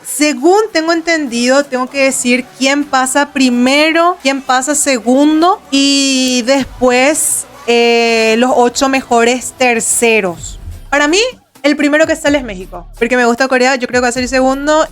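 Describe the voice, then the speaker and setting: A young woman with a fairly high voice and a Paraguayan accent talks like a cute anime streamer. Her delivery is playful and casual, as if commenting to viewers. Music plays behind her. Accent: Paraguayan Spanish. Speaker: VTuber streamer.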